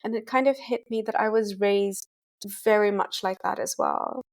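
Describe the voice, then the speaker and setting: A woman's voice: mid-range voice, normal speed. A young woman from Tanzania, a guest in an interview, speaking in a casual conversational way with lots of "like" and "kind of". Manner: conversational, frequent fillers like "like" and "kind of". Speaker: guest, women's rights advocate.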